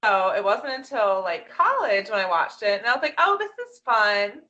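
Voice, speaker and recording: A woman co-hosting a casual review chat in an exclamatory, halting way with mimicking asides, on a slightly dull recording. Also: mid-range voice, very animated, bright, forceful tone. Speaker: podcast co-host.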